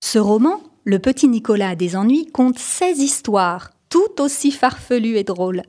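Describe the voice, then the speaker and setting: A woman's voice: fairly high pitch, moderate pace. Woman reading a children's story aloud. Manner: lively, raising her voice for the characters' lines. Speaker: audiobook reader. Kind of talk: scripted storybook narration.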